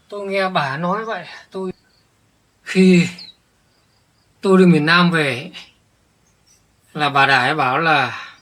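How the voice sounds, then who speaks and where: A man's voice: sits high, sharp tone. A man playing an older village man thrown out by his jealous wife, who stumbles and repeats words when upset. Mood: indignant. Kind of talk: village family drama acting.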